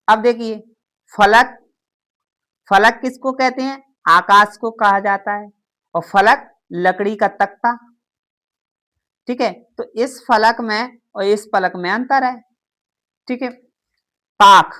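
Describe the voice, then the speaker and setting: A woman's voice: medium pitch, sharp tone. A woman teaching a grammar lesson, who keeps asking questions and answering them herself. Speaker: Hindi teacher.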